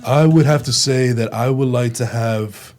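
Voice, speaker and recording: A man, talking casually as a guest in an interview, relaxed and thoughtful, with frequent fillers. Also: medium pitch, moderate pace, a little hiss or hum. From New Jersey.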